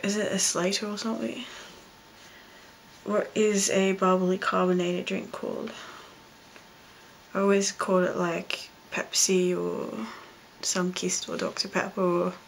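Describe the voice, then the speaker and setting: A young Australian woman speaking casually and offhandedly in a vlog, reading out prompts and answering them in a low-key way. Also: little pitch movement, a little slow, vocal fry, a little hiss or hum, rough recording. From Blue Mountains, New South Wales, Australia. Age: young adult. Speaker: vlogger. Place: small bedroom, indoors.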